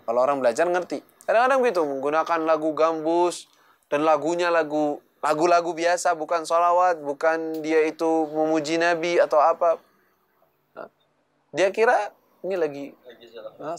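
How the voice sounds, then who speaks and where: A man giving a conversational religious lesson, asking and answering his own rhetorical questions. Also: on the high side. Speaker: religious teacher. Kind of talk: sermon.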